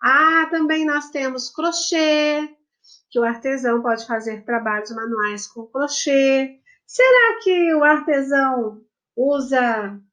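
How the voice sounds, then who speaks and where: A woman's voice: high voice, fairly bright tone. A woman, a primary school teacher recording a lesson for children, explaining patiently and affectionately step by step.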